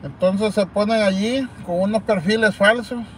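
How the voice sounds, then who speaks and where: A man's voice: sits high, steady tone, moderate pace, a little hiss or hum. A man hosting a live stream in blunt, scornful and crude casual talk. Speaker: livestream host.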